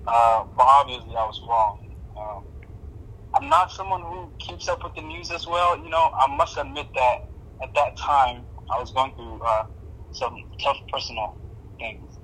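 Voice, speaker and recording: A man's voice: mid-range voice, unhurried, a bit bright, slight background noise, rough recording. A young man from Somalia answering interview questions in a casual, hesitant way, with many fillers and restarts. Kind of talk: casual oral history interview.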